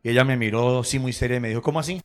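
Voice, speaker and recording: A man's voice: medium pitch, level tone, racing, smooth. A man preaching a sermon in a church, telling personal stories with acted quotes and laughter. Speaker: pastor.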